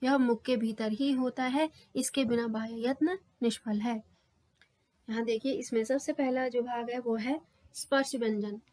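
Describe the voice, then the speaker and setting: Woman teacher, kinda high voice, goes over each sound slowly and repeats stuff. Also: steady tone, darkish tone. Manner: explains patiently, repeating terms and sounding out letters one by one. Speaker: Hindi grammar teacher. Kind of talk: exam-prep lecture.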